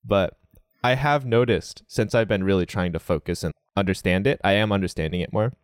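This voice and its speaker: Deep-voiced man chatting and laughing. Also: brisk, no echo, studio quality. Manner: relaxed, laughs often, frequent "like" fillers. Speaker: guest, Japanese learner living in Japan. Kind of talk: casual interview chat.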